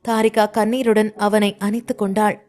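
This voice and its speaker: A woman's voice: medium pitch, flat delivery, normal speed, darkish tone. A woman reading a romantic audio story aloud with dramatic, emotive delivery. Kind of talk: scripted narration.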